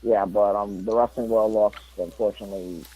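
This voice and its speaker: A man's voice: lowish voice, fairly even intonation, brisk, mellow, breathy edge, highs cut off. A man co-hosting a podcast in casual chat, rambling with lots of fillers. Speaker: podcast co-host.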